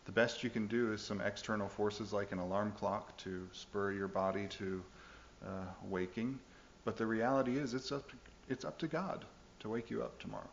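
A male pastor with a lowish, gravelly voice preaches a sermon at normal speed, earnest and emphatic, driving his points home with direct questions to the congregation. The recording sounds dull and lo-fi, with a faint hiss.

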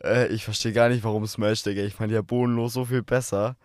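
A man's voice: fairly low pitch, level tone, brisk, no room sound, clean studio sound. A teenage boy co-hosting a podcast, slangy and full of swearing. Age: teens. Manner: slangy, swears, drops "Digga" constantly. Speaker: podcast co-host. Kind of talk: casual podcast chat.

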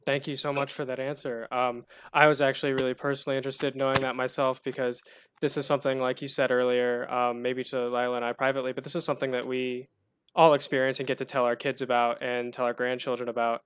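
A young man interviewing a candidate as a student interviewer, asking polite, measured questions. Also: mid-range voice, little pitch movement, fairly bright tone, smooth. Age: young adult.

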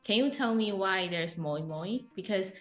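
A woman hosting a casual podcast interview, with frequent quick backchannels and easy laughter. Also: medium pitch, fairly bright tone, faint music behind. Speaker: podcast host and Mandarin teacher.

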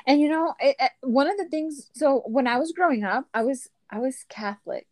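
Animated woman podcaster, dry sound. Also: sits high, brisk, no echo. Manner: animated, drops in Spanish phrases. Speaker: podcast co-host. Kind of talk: casual chat.

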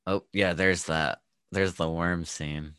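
A man's voice: sits low, fairly even intonation, slow, a bit bright, clean tone, no echo. A man co-hosting a podcast, talking in a laid-back way full of fillers and trailing thoughts. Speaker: podcast co-host. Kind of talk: casual chat.

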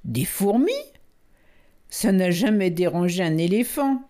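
A woman's voice: on the low side, lively intonation, measured pace, warm tone. A woman voicing an eager young male elephant calf in a storybook, earnest and admiring.

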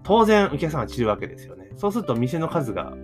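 A man's voice: a little high, big pitch swings, quick pace, over music. A man hosting a solo podcast, talking casually and thinking aloud, with plenty of fillers and rhetorical questions. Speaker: podcast host.

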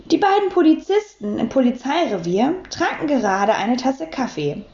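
A woman reading a children's book aloud in a lively, expressive way. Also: high voice, moderate pace. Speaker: storyteller. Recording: dull echoey room.

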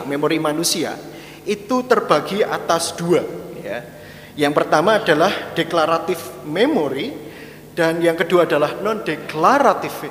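A man giving a sermon-style teaching talk, conversational, often turning to address his listeners directly. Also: high voice. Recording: echoey hall with faint hum.

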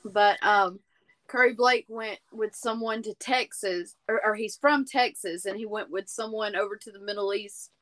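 Bright animated woman telling stories. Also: medium pitch, normal speed. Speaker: podcast co-host. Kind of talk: casual storytelling.

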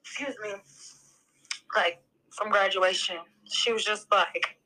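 Young woman guest, bright edge to the voice, candid and emotional, rapid bursts. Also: medium pitch, poor audio. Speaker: podcast guest. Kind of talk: casual chat.

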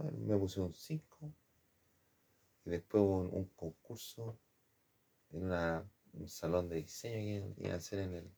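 A man's voice: sits low, gravelly, warm tone, slightly rough. A man with a Chilean accent telling a personal story from his design studies in a rambling, slangy way, often calling the listener "compadre". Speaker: former design student.

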